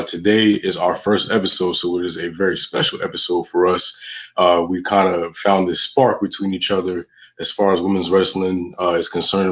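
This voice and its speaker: A man's voice: low voice, a bit bright, low-quality recording. A man hosting a podcast in a casual, chatty style. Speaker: podcast host.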